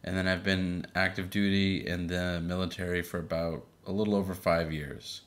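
Deep-voiced man, easygoing podcast co-host. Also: normal speed. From Boston, Massachusetts. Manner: relaxed, with frequent fillers. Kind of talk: casual chat.

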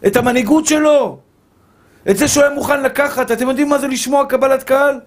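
A rabbi gives a Torah lesson to a live audience in a notably high, steady voice. His delivery is emphatic, and he hammers each point home by repeating it. He keeps warmly addressing the room as his dear brothers.

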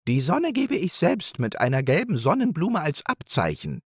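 A man's voice: a little high, wildly swooping pitch, normal speed, no echo, studio quality, pitched above the performer's own voice. A man voicing a proud, bossy male hare who fancies himself a poet, in a raised, self-important voice for a storybook. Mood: pompous.

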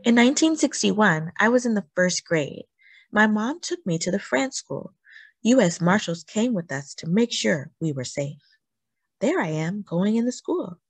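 Deliberate emphasis on phrases and lively, expressive intonation mark this woman's children's story reading. She has a slightly low, husky voice, captured in a dry, close recording with scant room echo.

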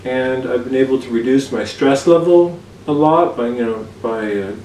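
A man in his forties talking candidly in a casual vlog, relaxed and easygoing, often pausing with fillers as he speaks. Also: medium pitch. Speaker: vlogger. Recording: roomy sound from a distant mic with faint background hiss.

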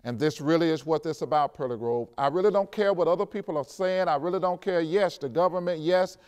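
A man's voice: a little high, darkish tone, smooth. Older man preaching in a reverberant church. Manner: measured preaching, slowing and stressing scripture, addressing the congregation. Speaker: pastor. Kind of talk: sermon. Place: empty church sanctuary, at a clear pulpit.

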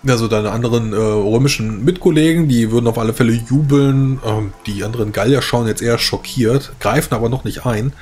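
A man's voice: medium pitch, brisk, hardly any pauses, a little mellow. A man narrating as game master of a tabletop game, hesitant with many fillers.

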